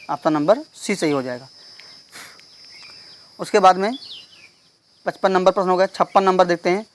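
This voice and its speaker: A male teacher solving an exam paper step by step. He reads each question slowly and keeps checking in with the class. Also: high voice. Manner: explains step by step, reads questions slowly, repeats "theek hai". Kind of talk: exam paper walkthrough lesson.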